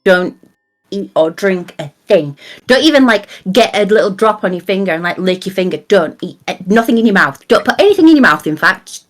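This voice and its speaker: A woman's voice: medium pitch, lively intonation, a little fast, lightly acted. A woman playing an exasperated fey woman in a tabletop game, scolding her companions in a bossy, emphatic, repetitive way. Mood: urgent warning.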